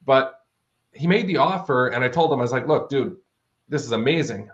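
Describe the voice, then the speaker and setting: Over dull, lo-fi audio, a guest author who also produces audio dramas chats casually in an interview, sharing stories conversationally. His mid-range voice is animated and moves at a moderate pace.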